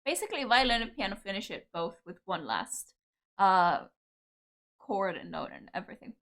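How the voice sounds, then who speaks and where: Speaking at normal speed in a sing-song, mid-range voice with a fairly bright tone, a young woman from Cyprus reacts to songs as a video host. The casual commentary is full of gushing enthusiasm, fillers, and loving remarks.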